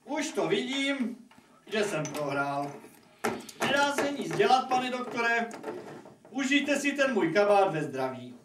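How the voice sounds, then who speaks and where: A man acts out a gullible but good-hearted poor fellow in a puppet play. His manner is folksy and plaintive, with very animated pitch. It is recorded in an echoey, slightly noisy room. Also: long pauses, recorded from a distance. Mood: resigned. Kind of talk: puppet theatre fairy-tale acting.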